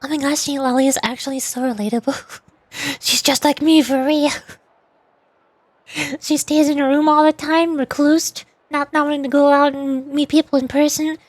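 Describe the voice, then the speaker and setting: A woman livestreamer with a high-pitched, level voice chats casually about a game at normal speed, bubbly and girlish. She plays and voices game lines while commenting, and the recording is dry.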